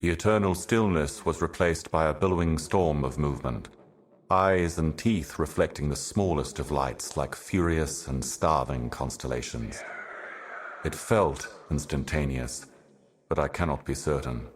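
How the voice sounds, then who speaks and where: A video game's ancient cosmic envoy speaks in a remarkably low male voice, measured and grave like a prophet uttering cryptic dark-fantasy scripture. Every phrase feels solemn and ominous, and a faint hiss or hum sits under the recording.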